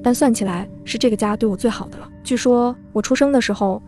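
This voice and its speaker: A woman narrating a first-person folk horror story in a brisk, dramatic way. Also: on the high side, darkish tone, soft background music.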